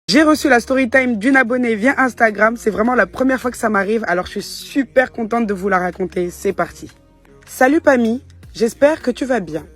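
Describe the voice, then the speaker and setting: Husky woman reading a story over music. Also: medium pitch.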